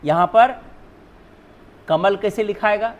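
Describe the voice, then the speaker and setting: A man's voice: high-pitched, takes it slowly, lo-fi sound. A male teacher whose first language is Hindi, explaining spelling rules step by step, often asking and then answering his own questions. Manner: repeats "ठीक है ना", asks and answers own questions.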